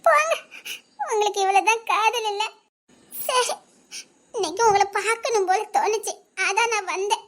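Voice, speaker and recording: A grieving young widow in a cartoon speaks to her lost love in a very high, light voice, played by a woman. She sounds tearful and half-laughing throughout. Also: normal speed, pauses often, fairly bright tone. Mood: wistful. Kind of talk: cartoon voice acting.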